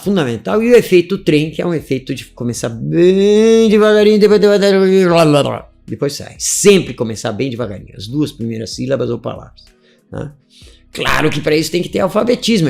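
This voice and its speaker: A man's voice: medium pitch, vocal fry, darkish tone. A man from Brazil giving a live online English lesson, explaining emphatically, asking rhetorical questions and checking in with "né?" and "tá?". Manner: chuckles between points. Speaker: English teacher.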